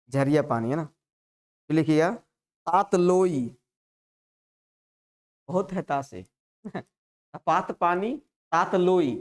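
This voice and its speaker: A male teacher leads a live exam-prep class in a voice on the high side with a darkish tone. He repeats terms, coaxes the students along with constant checks, and keeps dropping "hai na" into his lines.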